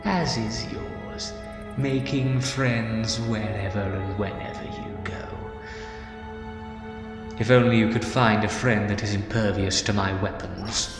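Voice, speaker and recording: A man playing a gloating, menacing alien tyrant in an audio drama, taunting and theatrical, often dropping toward a breathy whisper. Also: lowish voice, fairly even intonation, takes it slowly. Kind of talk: fan audio drama acting. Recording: echoey, long reverb, music underneath.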